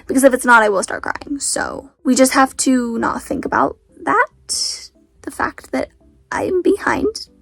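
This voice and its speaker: A teenage girl who writes books vlogs casually, rambling in a stressed, self-mocking way and sounding sleepy. Her voice sits high and is creaky, with no echo in the recording.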